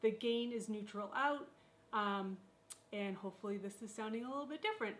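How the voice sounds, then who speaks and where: A woman explaining a microphone setup in a casual tutorial, heard through a high-pass filter that leaves her voice thin with no bass. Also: a little fast, fairly bright tone, a little hiss or hum. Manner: plain, explanatory, talks through each step. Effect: thin voice with no bass, from a 150 Hz high-pass filter on the mic. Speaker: video creator demonstrating a microphone. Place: home studio.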